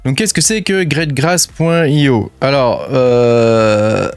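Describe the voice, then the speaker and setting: A man's voice: medium pitch, slow, smooth, no room sound. A man with a French accent casually walking viewers through apps on his screen, chatty and full of fillers. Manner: chatty, lots of fillers and hein, addresses viewer as tu. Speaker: crypto channel host. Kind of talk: casual screen-share walkthrough.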